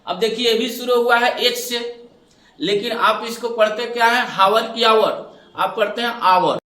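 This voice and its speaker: Pushed, bright and extremely high in pitch, the man's voice proceeds at normal speed. It's a classroom English grammar explanation, delivered step by step as he questions and answers himself and calls the students "babu," captured distantly in an echoey space.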